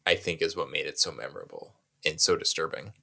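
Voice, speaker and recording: Male podcast co-host, very deep voice, reflective and analytical. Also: sing-song, fast talker, gravelly, sharp tone. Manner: thoughtful, analytical. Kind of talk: casual film discussion.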